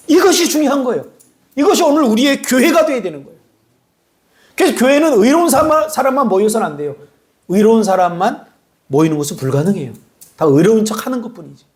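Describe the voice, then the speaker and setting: High-voiced man preaching with animation. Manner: animated preaching, teasing congregation members by name. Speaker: pastor. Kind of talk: sermon. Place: church sanctuary.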